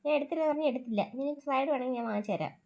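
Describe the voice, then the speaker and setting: A defensive grandmother, played by a woman, in a family comedy skit. She fires off insistent denials at a rapid clip in a fairly high voice. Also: vocal fry, warm tone. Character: defensive grandmother accused of taking a hair slide.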